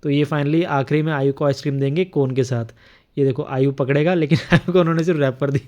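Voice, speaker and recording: A man's voice: a little high, fairly even intonation, brisk, darkish tone. A man narrating a home video in casual voice-over, chuckling often as he comments. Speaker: vlogger narrating a family video.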